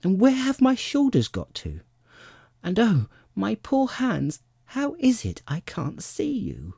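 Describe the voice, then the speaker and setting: A small, well-mannered storybook girl, as a reader puts her on. Her voice is pitched far up and moves in lively swoops, earnest and a little bewildered, with a soft breathy grain. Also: moderate pace, no room sound, studio quality. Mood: puzzled.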